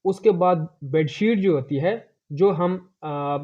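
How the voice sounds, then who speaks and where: A man with a slightly high voice teaches vocabulary at a very slow, deliberate pace. He repeats each word several times as he goes through the list. The recording sounds dull and lo-fi. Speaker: language teacher. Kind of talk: vocabulary lesson.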